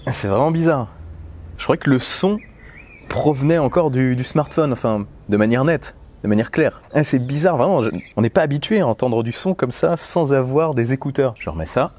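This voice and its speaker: A man's voice: mid-range voice, moderate pace, darkish tone, a little hiss or hum. French man unboxing outdoors on a lapel mic. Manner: chatty and playful, musing aloud. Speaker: tech vlogger. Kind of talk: casual unboxing vlog. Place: outdoors next to a noisy road.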